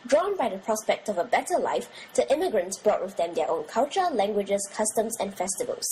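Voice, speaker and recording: A woman's voice: medium pitch, big pitch swings, a little fast, darkish tone, slight background noise, low-quality recording. A woman from Singapore with a Singaporean accent reads a scripted educational narration aloud, in the manner of an explainer video.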